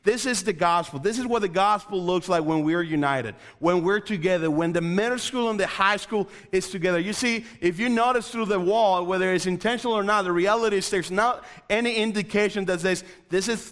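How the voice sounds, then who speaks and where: In a large hall, a youth pastor from the Dominican Republic preaches to young people in a high-pitched, slightly bright voice. He is earnest, hammers home points by repeating phrases, and talks straight to the room.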